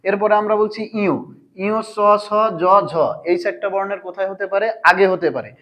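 In a fairly quick, high-sitting voice, a man teaches an explanatory grammar lesson, asking his viewers questions and then answering them himself.

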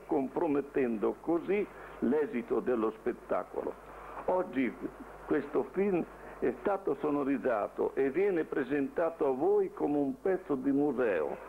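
Middle aged north guy doing a polite formal intro, creaky voice, muffled old film sound. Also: a little high, a little hiss or hum. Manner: formal, courteous. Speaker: presenter introducing his own amateur newsreel. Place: indoors beside reel-to-reel tape machines.

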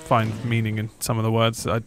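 A man's voice: on the low side, fast talker, slight background noise. A man co-hosting a casual gaming video, joking and swearing through the banter. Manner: jokey, swears a lot, lively delivery. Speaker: gaming channel co-host.

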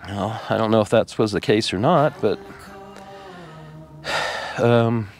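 A man vlogging from his RV, talking tearfully and haltingly with many pauses and fillers. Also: lowish voice, soft background music. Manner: rambling, halting, with many ums and uhs. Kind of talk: casual vlog talk to camera.

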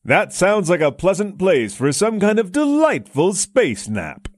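A man's voice: high voice, sing-song, unhurried. A man hosting a scripted podcast with a jokey, sarcastic manner. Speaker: podcast host.

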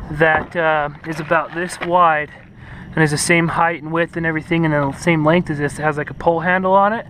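A man talks through a casual, rambling walkthrough outside in open desert, filling gaps with ums and uhs. His voice is a bit high and flat, with little rise or fall. Clear wind and outdoor noise sits under it on the camera mic. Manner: rambling, many fillers, hands-on. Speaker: vlogger showing his trailer. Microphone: head-mounted action camera.

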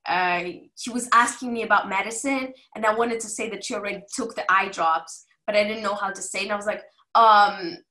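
A young woman from Russia talking as an interview guest, relaxed, with lots of "like" and "kinda". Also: medium pitch, fairly quick, roomy sound, low-quality recording. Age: young adult. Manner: relaxed, many fillers like "like" and "kinda". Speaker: guest, former student. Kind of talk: casual interview chat.

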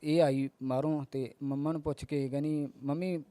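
Halting, earnest man telling his story. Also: fairly high pitch, fairly even intonation, warm tone, no echo. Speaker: interviewee. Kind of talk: news interview testimony.

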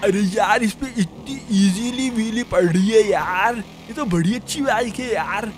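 A man doing a broke young shop helper in a game role-play, talking to himself nonstop in a Pakistani Urdu accent. His voice sits high for a man, and he rambles and chuckles between lines. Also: a little slow, slight background noise. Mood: chatty. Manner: rambling self-talk, frequent chuckles and "yaar".

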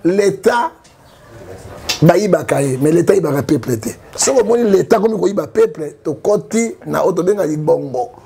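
A man from Congo with a Congolese French accent, giving animated political commentary full of rhetorical questions. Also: high-pitched, moderate pace, gravelly, husky. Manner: emphatic, rhetorical questions, frequent "hein?".

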